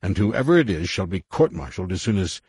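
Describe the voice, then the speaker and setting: A man's voice: deep voice, big pitch swings, fast, darkish tone, husky, no echo, clean studio sound, heavily acted. A man doing a stiff, blustering general. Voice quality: formal, blustering. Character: stiff, pompous male military general.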